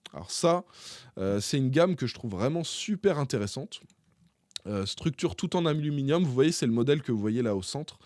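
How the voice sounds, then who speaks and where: Man, casual tech news talk, hesitant with many fillers, talks straight to viewers, mid pitch, dry close sound. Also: darkish tone, no room sound. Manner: chatty, hesitant, frequent filler pauses; addresses viewers directly. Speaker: tech YouTuber.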